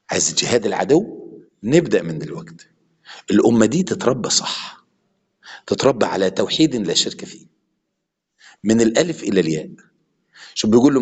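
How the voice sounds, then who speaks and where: A man with an Egyptian accent and a lowish, husky voice preaches an impassioned sermon. He shifts back and forth between classical and colloquial Arabic, and a long hall reverb surrounds him.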